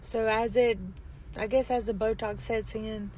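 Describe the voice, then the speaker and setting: A middle-aged woman chatting casually in a plain-spoken, folksy way, with a weak, barely audible voice that cannot get loud. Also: level tone, a little slow, background noise. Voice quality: weak, low-volume voice, barely projecting. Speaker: vlogger. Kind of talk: casual chat.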